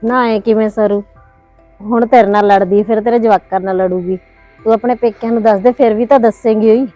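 An actress playing an insistent neighbor aunt giving advice in a drama. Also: female voice, a little high, steady tone, fairly quick, warm tone, dry recording, muffled recording, soft background music, lightly acted. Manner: insistent, advising. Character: meddling older neighbor aunt, advising. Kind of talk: Punjabi web drama acting.

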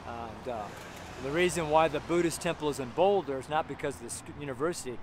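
A middle-aged man preaches on a street corner, a little higher-pitched than most men. He talks in an emphatic, rambling way, full of fillers and asides. Cars pass clearly in the background of the close handheld recording. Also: fast, rough recording. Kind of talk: outdoor street sermon. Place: outdoors on a sidewalk by a street. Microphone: camera held close, selfie framing. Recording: outdoor street with audible traffic noise. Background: passing traffic.

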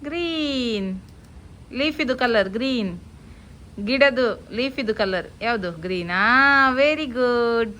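A woman's voice: fairly high pitch, animated, slow pace, pauses often, bright, forceful tone, highs cut off, a little hiss or hum. Chatty mother vlogging at home. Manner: chatty, coaxing and teasing with her child. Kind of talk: casual home vlog chat.

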